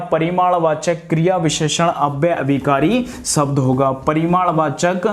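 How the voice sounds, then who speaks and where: Man, high-pitched, grammar teacher, exam-prep lesson, repeats and stretches key terms, calls viewers friends. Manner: asks questions and answers them himself, stretching key terms slowly; addresses viewers as friends over and over.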